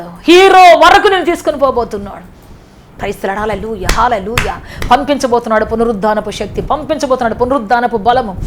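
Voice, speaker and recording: Fervent high-voiced woman preacher. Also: slight background noise. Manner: fervent, rising to impassioned cries in prayer. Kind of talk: sermon and prayer.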